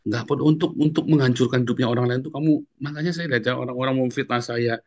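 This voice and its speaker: A man's voice: fast talker, muffled recording. A middle-aged man preaching a sermon as pastor, telling stories in a casual way and often turning to the congregation. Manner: storytelling, addresses congregation as "saudara", lively swings in pitch.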